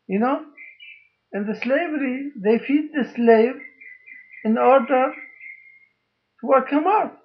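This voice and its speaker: Man, very high pitch, slow deliberate emphatic delivery, personal appeal to camera; muffled lo-fi recording. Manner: emphatic and repetitive, halting phrases, holds up documents. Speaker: father making a video appeal.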